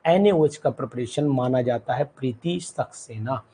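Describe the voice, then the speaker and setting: A male chemistry teacher with a husky, mellow voice runs a live online class. He keeps firing questions at students by name and repeats key terms so they stick. English technical words slip in among his explanations. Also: mid-range voice, moderate pace, low-quality recording.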